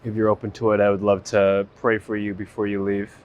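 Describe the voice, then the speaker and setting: A man's voice: fairly low pitch, a little fast, narrow, tinny audio. A young adult man hosting casual interviews outdoors, playful and chatty, who also offers to pray with guests. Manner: playful, animated, prays with guests. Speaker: interviewer and YouTube host. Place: outdoors on a porch.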